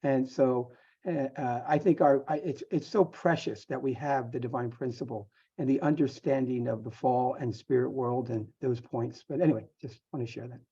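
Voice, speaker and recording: A man's voice: medium pitch, moderate pace, warm tone, slightly rough. A man sharing a rambling devotional reflection, full of fillers, heard over dull lo-fi call audio.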